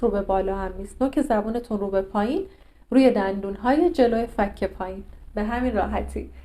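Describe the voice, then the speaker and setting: A woman's voice: a little high, a little mellow. A woman speech coach giving a pronunciation lesson and demonstrating sounds as she talks the viewer through them.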